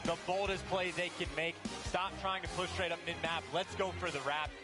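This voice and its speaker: A man giving measured, analytical esports color commentary. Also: high-pitched, steady tone, over loud music.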